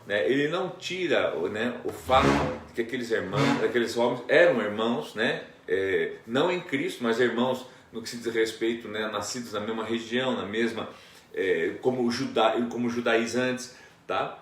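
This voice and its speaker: A man's voice: medium pitch, normal speed. A man, a pastor, explaining a Bible passage in a conversational teaching style, often checking in with his listener. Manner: explanatory, many tag questions. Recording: echoey room, distant mic.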